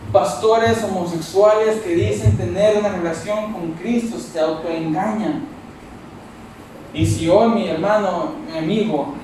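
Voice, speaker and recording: A pastor with a Monterrey accent preaches in a loud, forceful voice that sits high for a man. He sounds far from the microphone in a very echoey church hall, with faint noise underneath. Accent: northern Mexican (Monterrey). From Monterrey, Mexico. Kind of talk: sermon.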